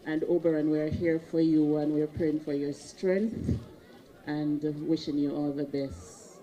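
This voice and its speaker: A woman with a Jamaican accent giving an informal tribute at a wake, pausing often with ums. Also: deep voice, little pitch movement, dark tone, poor audio. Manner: rambling, pauses with ums. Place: outdoor wake gathering.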